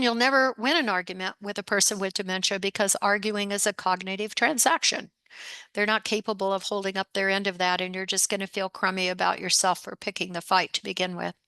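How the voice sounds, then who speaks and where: An upbeat woman presenting a webinar from her office, speaking straight to her listeners and often calling out to everybody. Her voice is bright and forceful, with a crisp, smooth clarity. The sound is close and dry. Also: mid-range voice, no echo. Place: home or office desk.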